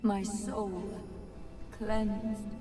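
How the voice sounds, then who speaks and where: A woman's voice: mid-range voice, level tone, extremely slow, warm tone, recorded from a distance. A woman voicing the tormented spirit of an ancient tree in a video game, with an unearthly voice and solemn, dramatic delivery. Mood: solemn, pleading. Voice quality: unearthly, echoing voice. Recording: reverberant hall effect over music.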